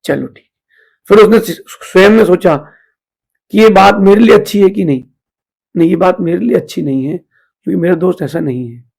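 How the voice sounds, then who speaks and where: Monk, sermon, high gravelly husky voice, talks plainly to his listeners. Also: normal speed, pauses often, darkish tone. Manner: conversational teaching, mixing in English phrases. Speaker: Jain monk giving a discourse.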